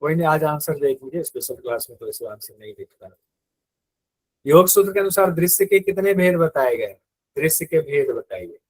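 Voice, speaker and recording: A man's voice: a little high, big pitch swings, normal speed, husky, dry recording, low-quality recording. A man teaching a live online yoga exam-prep class in speech, explaining step by step, repeating key terms and quizzing his students.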